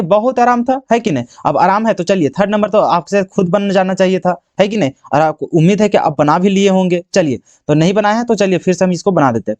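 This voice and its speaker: A man's voice: high-pitched, a little mellow, no echo. A man teaching a chemistry lesson for board exam prep, constantly asking the class questions and answering them himself. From Jharkhand, India.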